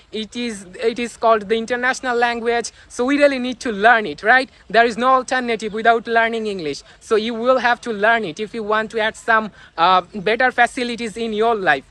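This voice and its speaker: Young Bengali-native man, high and bright, earnest outdoor pep talk to camera. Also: fairly even intonation. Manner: earnest, fast, with frequent fillers and restarts. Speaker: English teaching YouTuber. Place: outdoors among onlookers.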